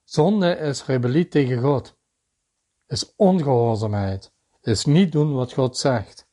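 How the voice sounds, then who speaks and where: A man's voice: mid-range voice, slow pace, warm tone. A man preaching a sermon in an earnest manner, reading scripture passages aloud and naming their verses.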